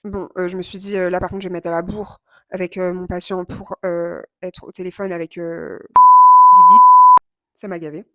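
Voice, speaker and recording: A woman in her thirties telling a personal story casually, impulsive and animated, swearing and mimicking the people she talks about. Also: lowish voice, brisk, highs cut off. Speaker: vlogger.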